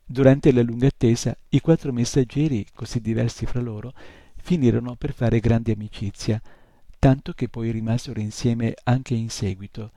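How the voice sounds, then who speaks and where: A man reads a fantasy novel aloud at a measured storytelling pace. His voice is deep in color, very dark and noticeably gravelly. The recording is dry, with no room sound. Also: fairly even intonation, no echo. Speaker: reader of a novel. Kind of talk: audiobook reading.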